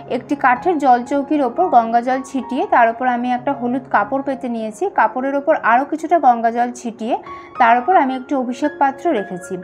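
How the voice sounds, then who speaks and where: A woman calmly explaining ritual steps one by one, now and then chanting mantras slowly. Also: high-pitched. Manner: calm step-by-step explaining, addresses viewers as friends. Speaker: home puja demonstrator. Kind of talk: instructional voice-over.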